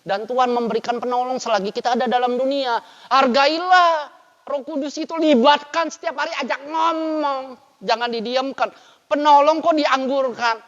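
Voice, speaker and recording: An older man preaches in a high, animated voice, swinging between loud and soft. The recording is dull and lo-fi. His words ring with a long reverb, as in a church. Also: normal speed. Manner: lively preaching with dramatic swings in loudness. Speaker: pastor. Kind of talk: sermon.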